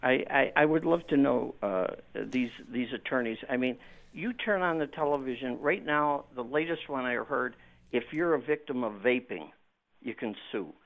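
A man calling in to a radio show, giving opinions casually and haltingly over the phone. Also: mid-range voice, creaky. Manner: halting, repeating words. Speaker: radio call-in caller. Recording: muffled, band-limited phone line.

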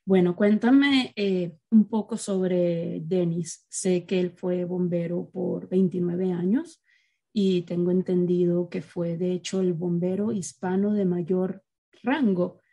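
A woman from Venezuela interviewing a guest in an emphatic, warm way. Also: lowish voice, steady tone, slow. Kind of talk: conversational interview.

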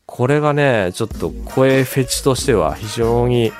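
A man hosting a casual music radio show, chatting with enthusiasm about songs, with many fillers and pauses. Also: mid-range voice, animated.

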